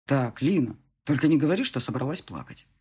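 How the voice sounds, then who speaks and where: A woman voicing a confident, teasing young groom in an audiobook, speaking lower and firmly. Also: expressive, a little fast, a little mellow, husky, full character voice.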